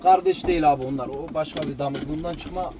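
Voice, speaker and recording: This higher-voiced man talks fairly quickly as he introduces his pigeons one by one beside their coop. He's a breeder, plain-spoken and respectful in an informal way, and the noisy outdoor recording is full of cooing and ambient sound.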